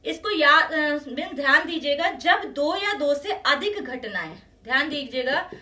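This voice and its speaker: A woman maths teacher giving a classroom lecture, slowly repeating each phrase and often telling students to pay attention. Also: high voice, lively intonation, bright, forceful tone, distant mic. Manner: slow and repetitive, says each phrase twice.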